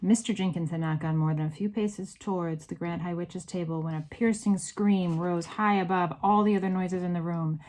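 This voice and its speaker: A woman reading a children's novel aloud in an expressive, varied storytelling manner. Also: lowish voice, poor audio. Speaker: read-aloud narrator.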